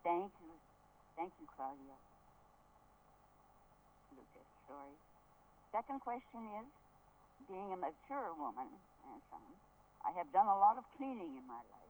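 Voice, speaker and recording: A woman's voice: fairly low pitch, sing-song, unhurried, gravelly, pauses often, a little mellow. An older woman putting prepared questions to a guest over a relayed line. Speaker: audience member asking questions. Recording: faintly noisy relayed line.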